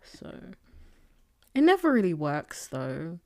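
Recording her solo podcast in a makeshift indoor room rather than her usual setup, a woman sounds slightly echoey as she rambles candidly and casually with strong opinions. Her voice is low and mellow, slow-paced, with huge pitch swings.

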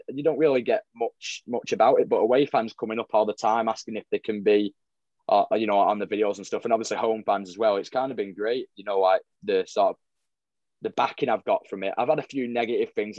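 A man's voice: lowish voice, fairly even intonation, a little fast, a little mellow, dry recording, muffled recording. A young man, a football vlogger telling stories in a rambling casual chat, full of restarts and fillers. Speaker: football fan vlogger, guest.

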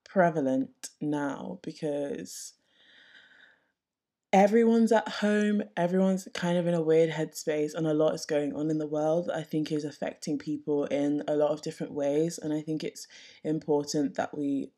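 Husky low-voiced woman. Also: normal speed. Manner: relaxed, thoughtful, uses many fillers. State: husky morning voice. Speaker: podcast co-host. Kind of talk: casual chat.

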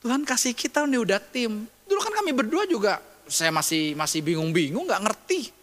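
High bright-voiced male preacher in a reverberant hall. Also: big pitch swings, fairly quick. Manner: emphatic, conversational, rhetorical questions. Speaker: pastor. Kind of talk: sermon.

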